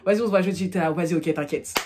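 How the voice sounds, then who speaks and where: Fast-talking young woman telling a story. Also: fairly low pitch, background noise. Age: 20s. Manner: chatty, rapid, full of fillers and acted quotes. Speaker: storytime vlogger. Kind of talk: casual storytelling to camera.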